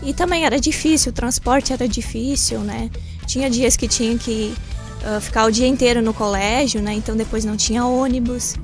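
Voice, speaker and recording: A woman from southern Brazil, middle-aged and a little high-pitched, recounts her life plainly as a radio guest. She keeps adding little tag questions as she goes. A faint music bed plays under her voice in the studio. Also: fairly even intonation, brisk. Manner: simple, plain storytelling with frequent tag questions. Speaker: shop owner, interview guest. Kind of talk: radio interview.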